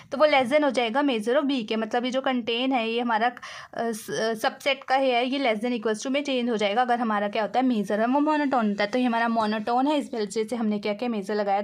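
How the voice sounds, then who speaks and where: High-voiced woman teaching math. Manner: keeps asking and answering her own questions, mixing Hindi with English math terms. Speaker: mathematics lecturer. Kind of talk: explaining a proof step by step.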